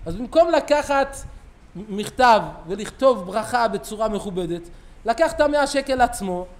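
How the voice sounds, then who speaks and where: A rabbi's sermon in a synagogue, delivered by a middle-aged man with a strikingly high voice. He tells stories lively and acts out each character's lines as he goes. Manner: animated storyteller, acting out quoted dialogue. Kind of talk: sermon with storytelling.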